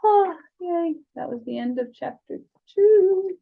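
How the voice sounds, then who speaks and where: Her voice is very high, animated and creaky, and she speaks slowly over phone-quality sound. The American woman co-hosts a fan podcast and reads audiobooks, here reading stories and chatting casually about books.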